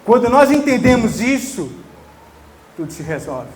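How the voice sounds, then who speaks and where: High-voiced earnest preaching man. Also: big pitch swings, a little slow. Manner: earnest, emphatic preaching with soft tender asides. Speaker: pastor. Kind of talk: sermon.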